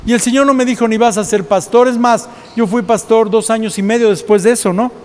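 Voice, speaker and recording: Mexican pastor, high male voice, storytelling sermon in a reverberant church hall. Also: fairly even intonation, a little fast. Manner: storytelling preacher, acts out quoted voices.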